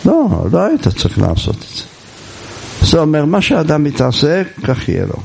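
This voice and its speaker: Guy preaching and telling a folk tale, gravelly, pitch a bit high, really animated. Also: slight background noise. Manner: animated storyteller acting out voices. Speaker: rabbi or preacher. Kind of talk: sermon with folk storytelling.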